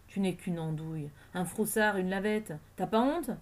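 A woman's voice: mid-range voice, normal speed, natural voice. A woman reading the lines of a brutal, scornful male gang leader, jeering and bullying.

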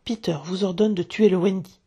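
Spiteful little fairy pushing the boys, dark husky tone, from a woman storyteller. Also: fairly even intonation, normal speed. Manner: shrill, urgent. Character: jealous tiny spiteful female fairy.

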